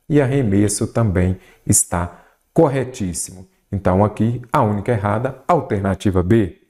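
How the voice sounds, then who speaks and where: Man, grammar teacher, mellow warm tone, mid pitch, self-questioning delivery. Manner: lively teacher asking himself questions, drawn-out words. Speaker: Portuguese teacher. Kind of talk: exam-prep grammar lesson.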